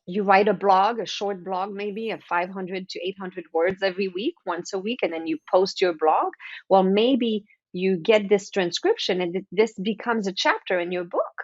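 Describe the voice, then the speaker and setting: Speaking at normal speed in a mid-range voice, a French-native guest author talks informally in an interview on a dry, lo-fi recording. Chatty by nature, she frequently starts her sentences over and voices her inner thoughts aloud.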